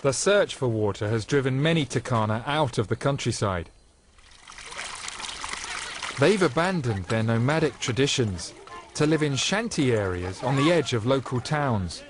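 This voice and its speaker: A man presenting and narrating a travel and nature documentary in scripted voice-over. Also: medium pitch.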